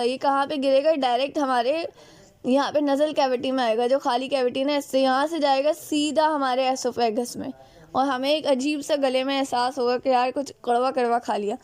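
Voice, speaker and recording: ऊँची आवाज़ वाली पाकिस्तानी उर्दू लहजे की शिक्षिका. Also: female voice, sits high, a little mellow, no echo. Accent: Pakistani Urdu. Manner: repeats questions and answers them herself, mixing English terms. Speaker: teacher. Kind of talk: classroom biology lecture.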